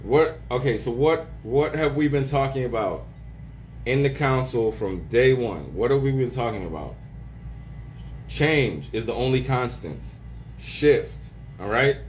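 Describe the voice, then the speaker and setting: A man hosting a casual livestream, greeting viewers by name with slang shout-outs and laughing often. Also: mid-range voice, animated, slight background noise. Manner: laughs often, drawn-out words. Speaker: livestream host.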